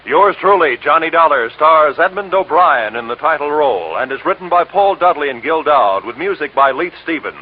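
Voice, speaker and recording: A man's voice: fairly high pitch, lively intonation, normal speed, few pauses, noisy background. A man giving formal scripted announcements and credits, heard from an old broadcast disc transcription. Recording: tinny old radio disc with music behind.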